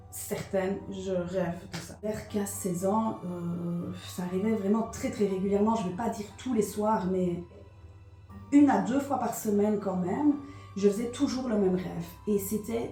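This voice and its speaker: A woman's voice: mid-range voice, warm tone, echoey room. Hesitant woman with a Liège accent. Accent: Liège, Belgian French. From Belgium. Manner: hesitant, many fillers and repetitions. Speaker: vlogger. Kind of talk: casual confessional chat.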